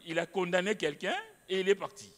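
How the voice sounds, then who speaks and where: A man's voice: high voice, fairly even intonation, brisk. A male pastor preaching a sermon in a church, emphatic, repeating phrases with many restarts. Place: church hall. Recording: long hall reverb.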